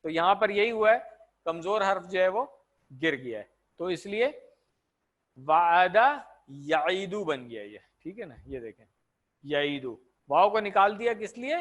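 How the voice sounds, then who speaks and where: A male teacher with a high-pitched voice gives an online class. He walks students through verb forms slowly and patiently, repeating each form with its meaning and checking often that they follow. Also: animated, a bit bright. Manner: patient, repeats conjugations with translations. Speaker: Arabic grammar teacher.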